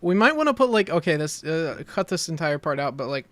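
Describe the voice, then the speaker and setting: Casual male podcast co-host with a higher, clean voice and close, dry sound, rambling and filler-heavy. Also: sing-song, a little fast, a bit bright, no room sound. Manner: rambling, lots of "like" fillers and swearing. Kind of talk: casual chat over voice call. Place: his room at home. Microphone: desktop microphone on a voice call.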